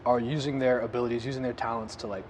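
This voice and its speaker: Young male host, mid pitch, chatty and upbeat. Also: fairly even intonation, rapid-fire, a little mellow, slight background noise. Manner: upbeat, filler-heavy, says like a lot. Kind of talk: casual interview chat. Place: restaurant, indoors.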